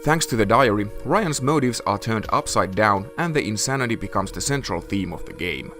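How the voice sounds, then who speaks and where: A man narrating a scripted retro game review in a measured, formal, essay-like way. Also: fairly low pitch, lively intonation, music in the background.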